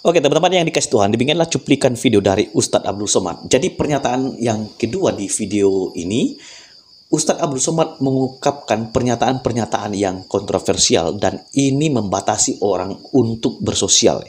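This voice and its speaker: A man giving spoken commentary on a clip in a measured, preaching tone with drawn-out pauses. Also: mid-range voice, lively intonation, darkish tone, slight background noise. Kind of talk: reaction commentary.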